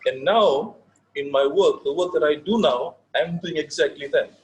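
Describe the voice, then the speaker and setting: A native Fijian speaker from Fiji leads a session as an informal lecture, speaking with a Fijian accent. He pauses often, repeats words and checks in with his listeners. His voice is a little high, and the audio is poor.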